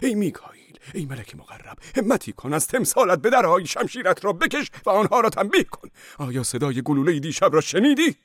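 A man voicing a trembling old monk who cries out in shrill, wailing bursts. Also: sing-song, hardly any pauses, fairly bright tone, no room sound, clean studio sound, heavily acted. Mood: frenzied.

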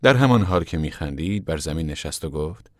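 A man narrating an audiobook in a measured, literary storytelling delivery. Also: rumbling low, lively intonation, no echo, studio quality. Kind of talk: scripted narration.

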